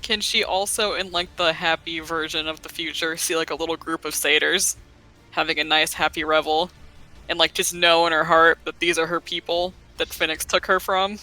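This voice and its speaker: A man's voice: fairly high pitch, flat delivery, normal speed, bright, forceful tone, faint music behind, rough recording. A man playing a tabletop game, chatty and casual, using 'like' a lot. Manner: chatty, uses 'like' often. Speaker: player.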